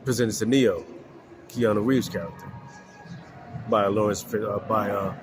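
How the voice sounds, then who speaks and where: A man in his forties, congested from allergies, talking slowly to viewers about faith and films with many pauses, fillers and "right?". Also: on the low side, steady tone, music in the background. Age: 40s. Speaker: faith vlogger. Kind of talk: casual spiritual talk to viewers.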